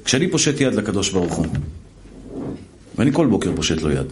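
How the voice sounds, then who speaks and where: A man's voice: low-pitched, big pitch swings, background noise. A middle-aged man, a rabbi, preaching a sermon and telling stories with voiced quotes and repetition.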